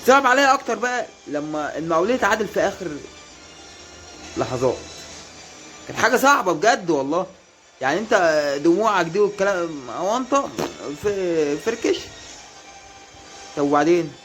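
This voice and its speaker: A man's voice: high voice, expressive, fairly quick, pauses often, a bit bright, soft background music. A man with an Egyptian Arabic accent in a casual monologue to rival football fans. He teases them in a mock-earnest way and keeps repeating reassurances. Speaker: football fan vlogger.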